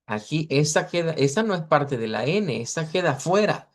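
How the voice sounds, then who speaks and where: A man teaching an English pronunciation class over a video call, patiently repeating model words slowly for his students. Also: fairly high pitch, lively intonation. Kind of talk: online class correcting students.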